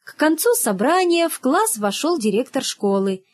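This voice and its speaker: A woman narrates a children's story aloud, measured and expressive. Her voice sits fairly high and rises and falls in a lively, animated way, giving each phrase a storyteller's lilt.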